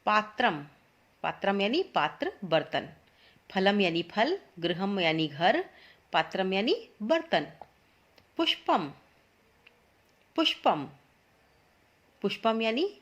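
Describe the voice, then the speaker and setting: A woman teacher explaining a school lesson, patiently repeating each word for students to say after her. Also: mid-range voice.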